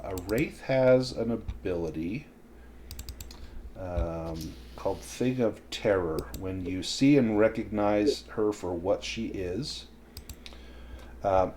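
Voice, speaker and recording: Male game master for tabletop play: measured, slow narration and rules talk, slight noise behind. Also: medium pitch, darkish tone.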